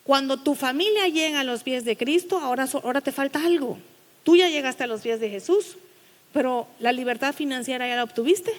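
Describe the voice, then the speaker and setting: A woman pastor with a high voice delivers a blunt, no-nonsense sermon, pressing her listeners with rhetorical questions. Her voice rings out with the long reverb of a church sanctuary. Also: fairly quick.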